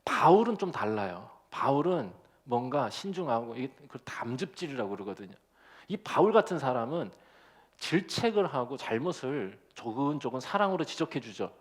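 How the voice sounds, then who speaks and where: A man's voice: medium pitch, very animated, moderate pace. A male pastor delivering a sermon in a playful, personal way, laughing at his own jokes and speaking straight to the congregation.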